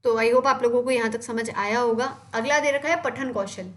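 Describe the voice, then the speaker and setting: A woman's voice: a little high, fairly even intonation, normal speed, a bit bright. A young woman teaching an exam-prep lecture, explaining step by step and answering her own questions.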